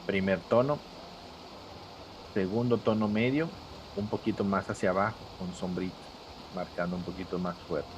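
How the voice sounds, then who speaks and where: Guy teaching a drawing class, lowish voice, slow patient steps, bit of faint noise behind. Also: steady tone. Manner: patient, step-by-step, addresses students by name. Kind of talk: live drawing class instruction.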